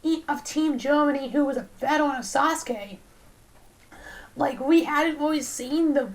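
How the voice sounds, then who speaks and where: A woman co-hosting a podcast, chatting in a relaxed, conversational way. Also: high voice, moderate pace, poor audio. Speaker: podcast co-host. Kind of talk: casual podcast chat.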